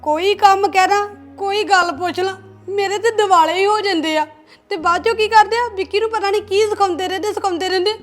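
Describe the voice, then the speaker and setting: An actress playing a young married woman in a family drama, tearful and pleading, over soft background music. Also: very high-pitched, steady tone, fast talker. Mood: upset. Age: young adult.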